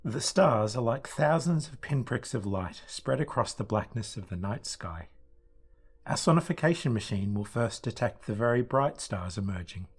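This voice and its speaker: A man's voice: medium pitch, expressive, moderate pace, slightly rough, faint music behind. A man speaking as an astronomer and guest guide, giving a scripted, explanatory planetarium narration.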